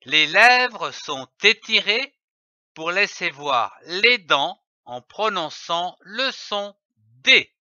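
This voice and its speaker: Slow, deliberate man teaching phonics. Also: sits high, sing-song, pushed and bright, no room sound. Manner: spells out letters and syllables carefully. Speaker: reading teacher. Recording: dull, dry lo-fi voice-over.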